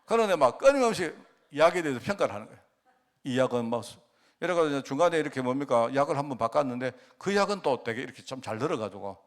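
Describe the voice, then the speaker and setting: A man's voice: medium pitch, sing-song, a little fast. A middle-aged male pastor with a Gyeongsang Korean accent, preaching a storytelling sermon full of rhetorical questions.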